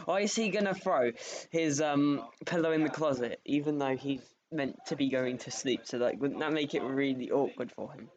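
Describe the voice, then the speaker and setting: A man in casual conversation with a middling pitch. He cuts in as a co-host with puzzled questions, circling back over his words in a halting, repetitive way. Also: darkish tone, highs cut off. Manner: questioning, halting, repeats phrases. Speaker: co-host interrupting the story. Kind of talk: casual chat.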